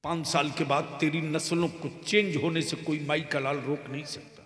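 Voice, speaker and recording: Male preacher, measured delivery with shouted climaxes, bright tone, long hall reverb. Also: fairly high pitch. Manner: builds from calm talk to loud shouted climaxes. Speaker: Islamic preacher. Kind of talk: public religious speech.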